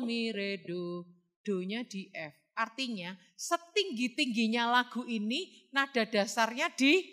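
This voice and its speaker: A woman teaching a music class, singing solfege examples between brisk explanations. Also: a little high, pushed and bright.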